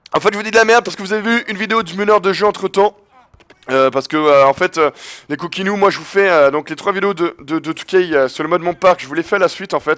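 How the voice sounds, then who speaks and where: Excitable gamer man, hoarse from shouting. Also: fairly high pitch. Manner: excitable, bursts into shouts of triumph. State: voice worn from shouting. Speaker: gaming video host. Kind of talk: live gameplay commentary.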